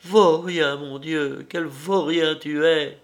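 A man reading aloud voicing a proud, scornful young woman in a storybook, in a raised, soft, breathy voice. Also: fairly high pitch, fairly even intonation, slow, pitched above the performer's own voice.

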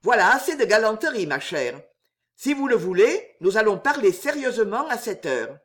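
A woman's voice: very animated, normal speed, close to an everyday voice. A woman doing a sneering, menacing little nobleman. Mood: mocking. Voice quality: low growling voice. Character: small frail scheming nobleman, mocking and menacing. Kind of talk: audiobook character reading.

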